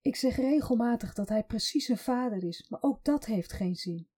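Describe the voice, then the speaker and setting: Brief: a woman reading a hesitant mother of three, self-blaming, dark soft husky voice. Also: a little high, expressive, moderate pace. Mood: ashamed. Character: ashamed, worn-down mother of three boys.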